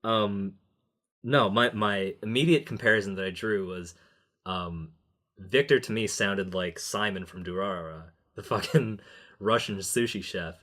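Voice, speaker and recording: A young man co-hosting a podcast, talking in a loose, animated way, laughing often and swearing casually. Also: fairly low pitch, measured pace. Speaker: podcast co-host.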